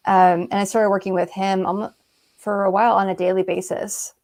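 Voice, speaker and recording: A woman's voice: medium pitch, flat delivery, a little fast, a little mellow. A woman guest, an author, telling her story in a casual interview, chatty with many fillers and acted-out quotes.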